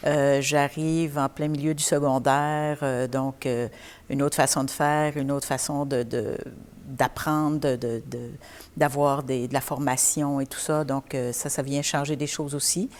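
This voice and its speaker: A woman in her fifties from Belgium, a guest in a theatre lobby interview, talking haltingly with many fillers and restarts. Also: a bass voice, level tone, a little mellow. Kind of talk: casual interview.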